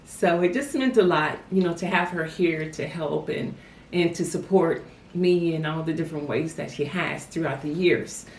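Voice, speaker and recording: A woman's voice: low voice, moderate pace, a little mellow, a little hiss or hum. A woman reflecting on family memories in an interview, telling stories with frequent "you know". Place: family home. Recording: roomy sound from a distant mic.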